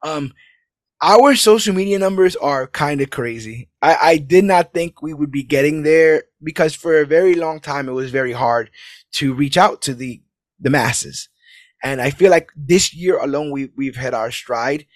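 A man with a fairly high voice speaks at normal speed, and there is no echo. Hosting a podcast, he rambles casually through an upbeat, hype-driven outro crammed with plugs and calls for support.

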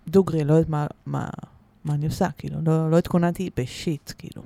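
A woman's voice: deep voice, steady tone, gravelly, mellow, no echo. Woman guest, casual storyteller, chatty and giggly, dry close studio sound. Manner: chatty, laughs often, many fillers. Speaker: podcast guest, musician. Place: podcast studio. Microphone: studio microphone.

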